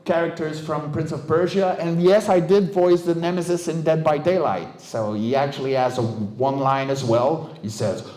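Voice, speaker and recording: A monster voice actor and vocal coach in his forties is the guest speaker at an evening meetup, joking casually and poking fun at himself for a live audience in a roomy, echoing indoor space. He speaks at a normal speed with few pauses, his voice on the high side with a darkish tone.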